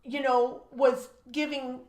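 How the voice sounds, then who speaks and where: Speaking slowly with a flat delivery, an American teacher uses a high but darkish voice. She co-hosts an education show, offering animated classroom stories, acted-out dialogue, and emphatic advice. It's recorded in an echoey room.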